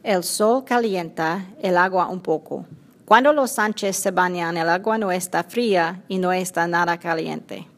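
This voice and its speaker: Low-voiced woman reading a story. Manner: clear, simple, measured reading. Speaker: narrator. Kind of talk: scripted storybook narration.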